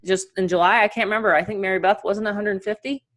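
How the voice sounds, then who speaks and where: A woman with a New York accent coaching an online webinar in a casual, chatty, encouraging and energetic way. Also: medium pitch, fast talker. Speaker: online marketing coach and host. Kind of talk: casual webinar training and motivational talk.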